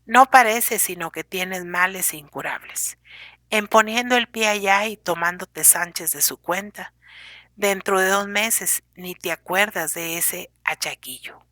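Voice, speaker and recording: A woman voicing a flustered young wife giving soft, hesitant replies in an audiobook. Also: mid-range voice, a little slow, no echo. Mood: reassuring.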